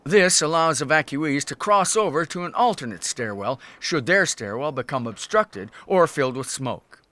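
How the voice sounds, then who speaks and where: Higher-pitched male instructional narrator. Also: lively intonation, pushed and bright. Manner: measured, instructive. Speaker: safety video narrator.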